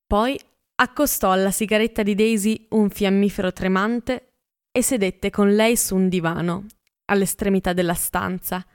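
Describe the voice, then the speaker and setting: A woman narrates a literary audiobook, reading in a measured and expressive way. Her voice is smooth and resonant at a middle pitch. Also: no room sound, clean studio sound.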